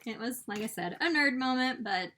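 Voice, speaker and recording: A woman hosting a casual cross-stitch vlog, chatty and animated, laughing often and filling with "like" and "um" as she shows her purchases. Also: fairly high pitch, normal speed, a little hiss or hum. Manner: fills with "like" and "um". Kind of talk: casual show-and-tell chat.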